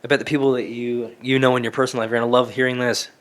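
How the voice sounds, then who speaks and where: A man's voice: medium pitch, little pitch movement, racing. Joking, crude male podcast co-host. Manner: joking, crude, acts out little scenes. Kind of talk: casual crude banter.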